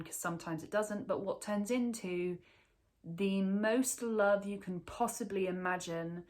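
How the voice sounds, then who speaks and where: A woman in her thirties talking openly and earnestly to camera about her own experience as a parent. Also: on the low side. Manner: earnest, open and reflective. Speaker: parenting vlogger. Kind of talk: candid personal talk to camera.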